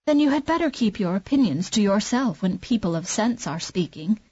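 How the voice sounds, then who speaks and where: A woman voicing a haughty tomcat who talks down to others in measured tones. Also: medium pitch, sing-song, mellow, husky, no room sound, muffled recording. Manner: condescending. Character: haughty tomcat, master of the house.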